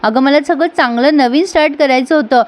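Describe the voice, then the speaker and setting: A scheming husband pleads and reproaches in a smooth, wheedling way, as a woman retelling the story puts him on. The voice sits high. It is told as a casual serial recap. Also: fast talker, natural voice. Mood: reproachful. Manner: wheedling, self-justifying.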